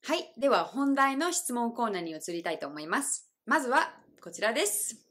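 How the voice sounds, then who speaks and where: Young native-English woman, cheerful teacher voice, models phrases slowly and clearly. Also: fairly high pitch, sing-song, a bit bright. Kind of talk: friendly video lesson with demonstrations.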